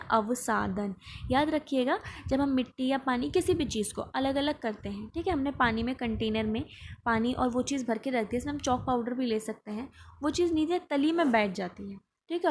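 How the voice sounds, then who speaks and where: High-voiced woman teaching science. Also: a little hiss or hum. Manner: explanatory, often checking in with the listener. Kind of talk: classroom lesson explaining textbook answers.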